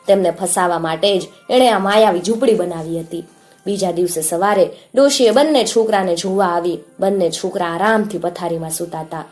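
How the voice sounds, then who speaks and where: A woman narrating a children's story in a steady, expressive way. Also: lowish voice. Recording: faint background music.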